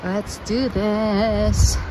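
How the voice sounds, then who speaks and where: A woman's voice: mid-range voice, flat delivery, drawn-out words, heavy background noise. A woman narrating a casual hiking vlog outdoors on a mountain trail, gushing with enthusiasm. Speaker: vlogger.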